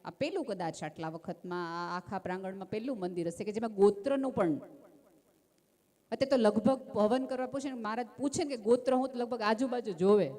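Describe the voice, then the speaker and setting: A woman giving a gentle, calm inspirational talk from a stage, telling stories and calling her listeners friends. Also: on the high side. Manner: intimate, addresses listeners as friend. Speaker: speaker at a community religious festival. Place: stage at a large festival gathering. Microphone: stage microphone with PA. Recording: long reverb of a large venue.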